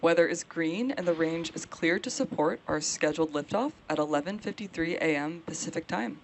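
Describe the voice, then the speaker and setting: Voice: medium pitch, fairly quick, slight background noise, rough recording. A launch webcast host giving explanatory live commentary on a rocket launch.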